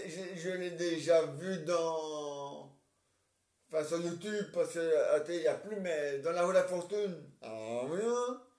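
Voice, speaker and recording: A man talking on his own in a casual, rambling monologue, muttering counts under his breath and clearing his throat between fillers. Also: fairly high pitch, a little mellow. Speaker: vlogger. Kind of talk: casual solo monologue to camera. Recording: roomy echo.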